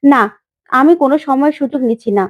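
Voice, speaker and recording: A woman voicing a defiant young woman who scolds her elders in sharp retorts, in a retold serial story. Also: high-pitched, fairly even intonation, fast, no echo, natural voice.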